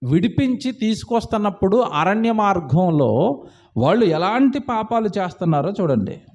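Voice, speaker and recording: A man's voice: high-pitched, big pitch swings, normal speed, a little mellow, dull audio. A man preaching a sermon in church, firing rhetorical questions at the congregation and repeating phrases for emphasis. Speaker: pastor.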